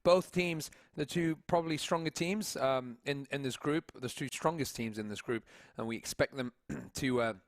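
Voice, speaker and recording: A man's voice: medium pitch, moderate pace, hardly any pauses, dry recording, studio quality. A man hosting a live esports broadcast, talking in an upbeat, chatty way and often restarting his sentences mid-thought. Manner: upbeat and talkative, with frequent restarts. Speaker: esports host commentator.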